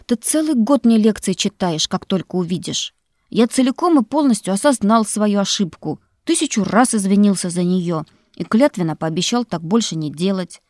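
A woman voicing a cheeky young male student who whines and flatters to get fed. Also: mid-range voice, moderate pace, dry recording, clean studio sound, close to an everyday voice. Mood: wheedling. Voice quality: wheedling, whiny when pleading. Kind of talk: audiobook character voice.

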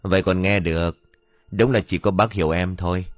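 A man voicing Hào, a cheeky young male villager who flatters and whines. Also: sits low, fairly quick, no echo, close to an everyday voice. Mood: flattering. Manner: wheedling, whiny when scared.

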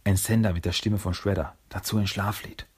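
A man's voice: low-pitched, steady tone, brisk, husky. A man voicing an eager, joking young male mutant turtle in a storybook reading.

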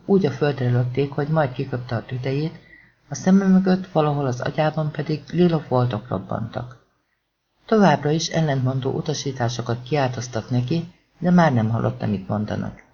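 A man narrating an audiobook in a tense, dramatic way, voicing the shouted lines of the characters himself. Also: mid-range voice, lo-fi sound.

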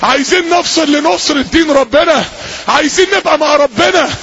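A male preacher with an Egyptian accent, giving an impassioned sermon to a gathering, often shouting and repeating himself. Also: very high voice, fast, vocal fry. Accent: Egyptian Arabic. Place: public gathering. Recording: dull lo-fi recording with faint hiss.

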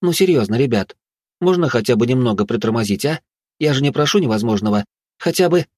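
An exasperated young woman head of students begs her friends to behave, voiced by a man reading a storybook. The voice sits higher than his own and pleads. The recording is dry and close. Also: lively intonation, brisk, a little mellow, no echo, natural voice. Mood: pleading. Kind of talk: audiobook character voice.

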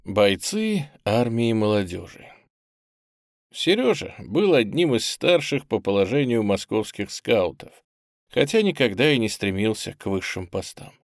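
A man reading a first-person memoir audiobook in a measured, even manner. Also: fairly low pitch, no echo, studio quality. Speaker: audiobook reader.

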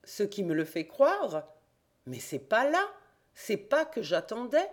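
A woman reading an audiobook, voicing an eager, confident young male reporter-detective in a raised, excited voice. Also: unhurried. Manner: excited, emphatic, raised and higher voice.

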